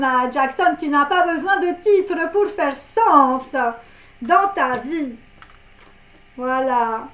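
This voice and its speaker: A tarot card reader with a high, slightly bright voice gives a casual reading, her sound roomy. She rambles with lots of fillers and tags and keeps giggling at her own jokes.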